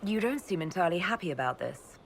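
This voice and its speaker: An elf mage commanding a fantasy army in a video game. Her voice is on the low side, composed and assured, with faint noise behind it. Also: lively intonation, fast, vocal fry. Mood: questioning.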